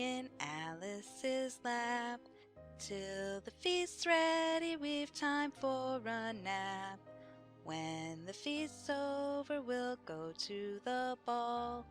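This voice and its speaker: Woman playing a haughty, lively-voiced Red Queen. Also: on the high side. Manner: haughty, contradicting, schoolmistress-like. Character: bossy, pedantic Red Queen, an imperious chess-piece monarch. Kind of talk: dramatized audiobook acting. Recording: music behind the voice.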